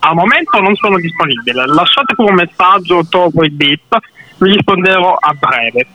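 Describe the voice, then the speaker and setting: Un uomo che interpreta la segreteria telefonica di uno psicologo, con napoletano: prima un messaggio formale, poi insulti urlati. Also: male voice, high-pitched, expressive, moderate pace. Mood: formal. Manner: formal, then screaming crude abuse. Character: male psychologist's voicemail that breaks into a shouting rant. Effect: telephone answering-machine greeting. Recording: noisy phone line.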